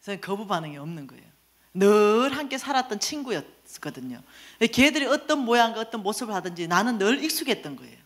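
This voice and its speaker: A woman lay minister giving a lively testimony at a church seminar, acting out the voices in her story. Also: fairly high pitch.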